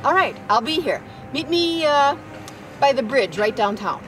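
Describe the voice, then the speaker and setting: A woman playing an excitable, eager friend in a light skit, with a bubbly way of talking. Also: high voice, measured pace, soft background music. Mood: excited.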